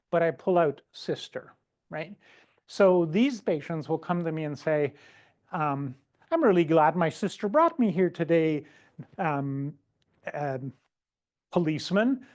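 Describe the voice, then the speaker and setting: Brief: woman physician, informal teaching talk, lower voice, conversational with frequent "right?" checks. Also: darkish tone. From Canada. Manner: chatty, keeps asking "right?", acts out patients' words. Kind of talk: informal lecture.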